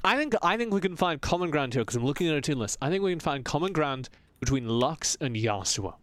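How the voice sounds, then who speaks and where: A man's voice: a little high, sing-song, fast, no room sound. A man co-hosting a gaming podcast, chatting casually with wry, dry humor. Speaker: podcast co-host, AD carry player.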